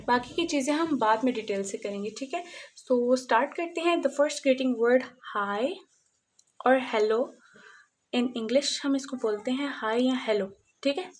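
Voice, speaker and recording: A woman teaching a casual beginner language lesson, slowly repeating each sound as she writes it. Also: high-pitched, slight background noise. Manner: slow, repetitive drilling of sounds while writing. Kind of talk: casual spoken lesson, mixing Hindi-Urdu and English.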